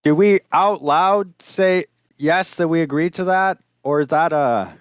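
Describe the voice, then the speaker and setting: A man's voice: fairly high pitch, measured pace, smooth, no room sound, studio quality. A man playing in a tabletop game, chatting casually and asking questions. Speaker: player.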